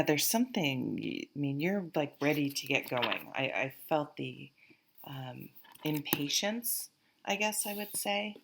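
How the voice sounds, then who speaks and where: Low, gravelly woman with a Vermont accent. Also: a little hiss or hum. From Vermont, USA. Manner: halting, rambling, thinking aloud. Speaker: tarot reader, host. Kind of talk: casual, unscripted tarot reading to camera.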